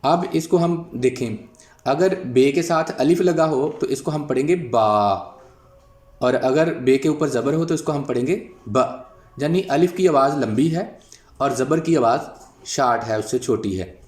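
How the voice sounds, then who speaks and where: A man's voice: on the high side, normal speed, a little mellow, reverberant. A man teaching a phonics lesson, patiently sounding out letters one by one and explaining how vowel marks change them. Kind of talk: slow, deliberate phonics lesson.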